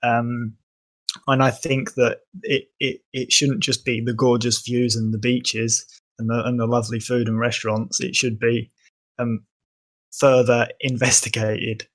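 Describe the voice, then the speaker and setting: In casual conversation as a podcast guest, a young English man speaks at a medium pitch, level in tone and measured in pace. He's hesitant, with frequent ums and restarts.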